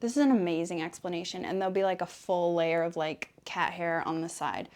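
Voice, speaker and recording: A woman who makes ASMR videos chats casually while brushing her cat, rambling playfully and slipping into affectionate talk to the pet as it purrs. Her voice is lowish and darkish in tone, and she speaks a little fast.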